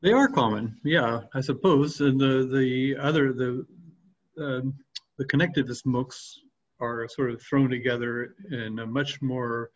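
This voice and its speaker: Husky older man hosting a video call. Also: mid-range voice. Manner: relaxed, questioning, with thinking pauses. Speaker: host of an open online discussion. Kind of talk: casual video-call discussion. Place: home room. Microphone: laptop webcam mic on a video call. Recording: dull, lo-fi video-call audio.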